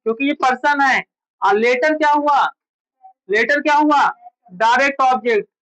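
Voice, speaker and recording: A woman's voice: sits high, normal speed, fairly bright tone, muffled recording. A woman teaching a grammar lesson, who keeps asking her students questions and answers them herself. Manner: quizzes students with repeated questions. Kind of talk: classroom lecture.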